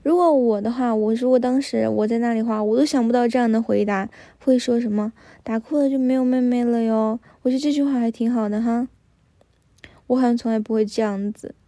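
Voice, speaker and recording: A woman's voice: fairly high pitch, fairly even intonation, fast talker, warm tone. A woman, telling family stories in a casual chat and often asking the listener if they follow. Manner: chatty, often asks the listener "you know?".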